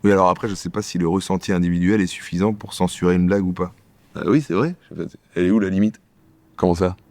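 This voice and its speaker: Male sketch comedian, low register, rapid-fire bickering delivery, dry close sound. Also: darkish tone, no room sound. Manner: quick, bickering back-and-forth between two characters.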